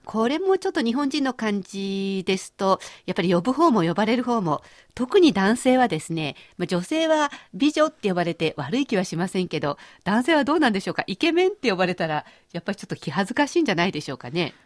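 A woman hosting a radio language lesson, explaining phrases clearly and chatting with her co-teacher. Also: mid-range voice, sing-song, fast, few pauses, no echo, clean studio sound. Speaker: language course host.

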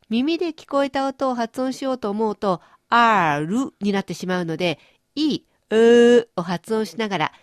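A woman's voice: fairly high pitch, no echo, clean studio sound. A woman hosting a language lesson, explaining pronunciation with playful everyday images. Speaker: language teacher and host. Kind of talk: radio-style language lesson.

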